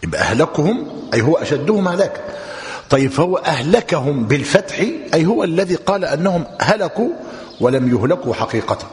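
A man's voice: fairly high pitch, very animated, quick pace, a little mellow. A man with an Egyptian Arabic accent teaches a religious class, dictating notes and firing questions at his students. His voice rises and falls with animation, and the recording carries a long reverb from a large hall. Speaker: sheikh teaching a book commentary.

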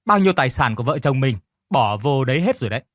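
A man voicing a distraught young village wife who pleads tearfully and turns sharp when she scolds. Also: a little high, animated, moderate pace, breathy edge, no echo, clean studio sound. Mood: irritated. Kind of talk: audiobook character reading.

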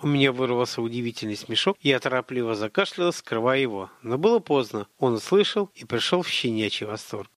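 A man's voice: medium pitch, animated, a little fast, few pauses, no room sound. A man narrating an audiobook in the first person, reading from a heroine's point of view.

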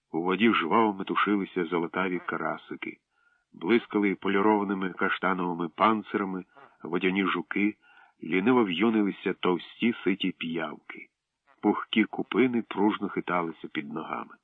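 Low-voiced male storyteller, tinny sound. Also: a little fast, no room sound, far from the mic. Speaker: narrator. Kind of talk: audiobook narration. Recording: dry tinny phone-like sound.

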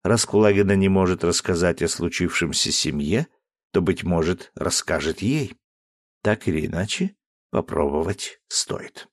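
A man's voice: low voice, expressive, a little slow, no echo, clean studio sound. A man narrating an audiobook, reading expressively and voicing each character. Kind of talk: scripted narration.

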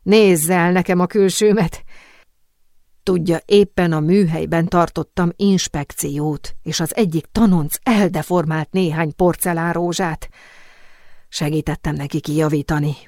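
Effusive fussy porcelain master guy, low and dry, a woman reading him out in an audiobook. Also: fairly even intonation, mellow, dry recording, lightly acted. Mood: eager. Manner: effusive, apologetic, exclaiming. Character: lively bald middle-aged male porcelain master.

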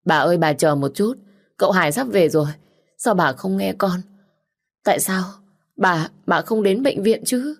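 A woman's voice: fairly low pitch, expressive, normal speed, pitched above the performer's own voice. A woman voicing a distraught housemaid who speaks in a tearful, whimpering way in an audiobook. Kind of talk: audiobook character reading.

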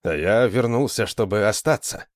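A man's voice: on the low side, moderate pace, dry recording, studio quality, natural voice. A man voicing an earnest, impulsive young man in a read-aloud story.

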